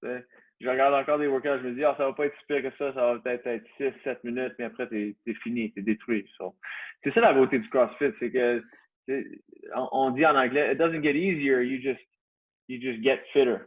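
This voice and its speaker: Speaking with a Canadian French accent, a CrossFit gym owner in his thirties appears as a guest in an informal interview. His mid-range voice holds a steady tone at a fairly quick pace, though he's hesitant with lots of restarts, and the line sounds thin and phone-like.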